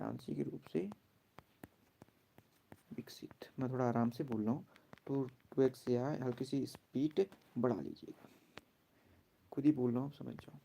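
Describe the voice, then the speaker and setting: A man teaching an exam-prep lesson, drawling poem lines slowly, spelling words letter by letter and asking students to repeat. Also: mid-range voice, vocal fry, dark tone, slight background noise.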